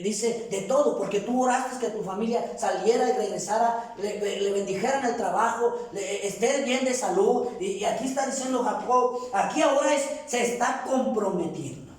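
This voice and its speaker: A pastor preaches a sermon in a fairly high voice, firing questions at his congregation and calling for amens. The sound is heavily echoey, and his voice comes from a distance in a church hall. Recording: echoey room, mic far off.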